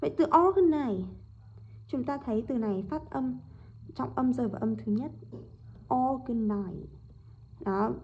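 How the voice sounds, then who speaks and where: A woman teacher talks through textbook exercises, saying each word twice and asking her students to confirm. Her voice is fairly high and husky. The recording sounds dull and lo-fi. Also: animated. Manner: repeats words slowly, checks with "đúng không?". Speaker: English teacher.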